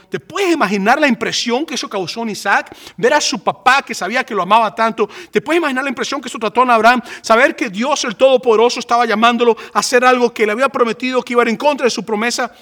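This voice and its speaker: A male preacher delivers a passionate sermon. His voice sits high for a man and rings bright and forceful. He swells to emphatic peaks. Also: fast talker. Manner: impassioned, rising to emphatic peaks.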